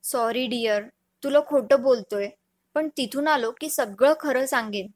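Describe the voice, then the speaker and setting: A woman's voice: sits high, measured pace. A woman voicing a playful, affectionate young husband in a storybook reading, teasing and fond in tone.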